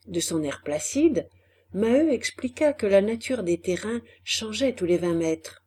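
A woman narrates a classic novel in an audiobook reading. Her voice is husky and breathy, and she takes her time, unhurried and deliberate over each phrase. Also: medium pitch, expressive, mellow. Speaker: audiobook reader. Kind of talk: scripted literary narration.

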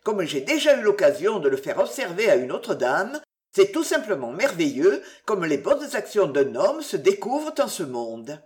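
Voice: medium pitch, very animated, normal speed, darkish tone, close to an everyday voice. A reader voicing a crafty, pompous old Scottish inn waiter who preaches with mock virtue.

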